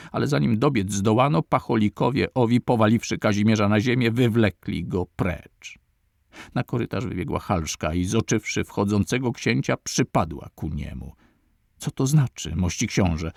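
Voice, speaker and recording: A man narrating an audiobook with a measured, dramatic reading. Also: on the low side, lively intonation, creaky, dry recording, clean studio sound. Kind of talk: audiobook reading of a historical novel.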